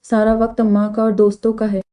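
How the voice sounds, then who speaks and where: A woman's voice: mid-range voice, monotone, a little fast, warm tone, lightly acted. A woman voicing a playful young bride in a storybook reading, sulky and on the edge of tears. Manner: sulky, tearful.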